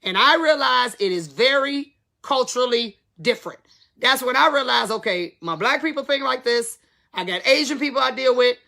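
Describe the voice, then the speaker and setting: A woman in her fifties talks straight to her viewers about running a salon, candid and emphatic, full of casual slang. Her voice sits a little high and sounds bright and forceful. A gravelly fry runs under many of her words. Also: animated, moderate pace. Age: 50s. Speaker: salon business educator.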